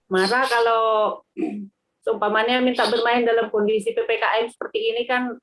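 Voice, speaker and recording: A woman's voice: a little high, little pitch movement, normal speed, poor audio. A mother giving brief, casual answers to a church leader on a video call. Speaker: mother of a child in the class.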